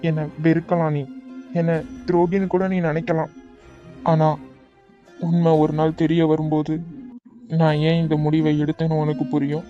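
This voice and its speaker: A man's voice: on the high side, monotone, normal speed, long pauses, close to an everyday voice. A man voicing a young cartoon lover who is torn between his love and his family and pleads in anguish. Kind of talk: cartoon voice acting. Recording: dull dry recording with faint music.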